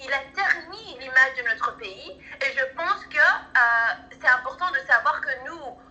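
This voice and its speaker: A woman's voice: high-pitched, animated, measured pace, pushed and bright. A woman from Rwanda calling in, speaking fervently with stammering repeats as she argues. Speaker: phone-in caller. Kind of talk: impassioned political call-in. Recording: muffled phone line.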